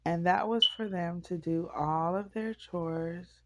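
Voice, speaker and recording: A woman's voice: lowish voice, slow pace, background noise. A woman reading a novel aloud, unpolished, stopping to correct herself and reread lines. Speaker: audiobook narrator.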